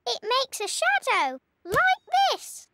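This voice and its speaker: A woman's voice: very high voice, huge pitch swings, takes it slowly, heavy background noise, full character voice. A know-it-all little elephant boy. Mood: explaining. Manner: precise and show-offy. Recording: cartoon with loud music underneath.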